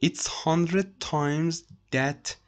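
Slow-paced man teaching French. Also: on the high side. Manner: slow, repeats each phrase and translates it. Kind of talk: screen-share language lesson.

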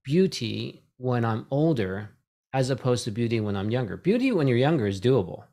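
A man's voice: medium pitch, very animated, moderate pace, creaky, warm tone. Rambling middle-aged man on a desk mic. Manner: rambling, lots of "right?" tags and restarts. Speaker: host. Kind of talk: casual video call conversation. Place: home room with bookshelves. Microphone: desk microphone on boom arm.

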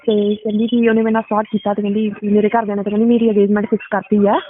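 A woman in a heated phone argument, rapidly accusing and retelling what others told her. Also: mid-range voice, little pitch movement. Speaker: caller. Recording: tinny phone call recording, faint hiss.

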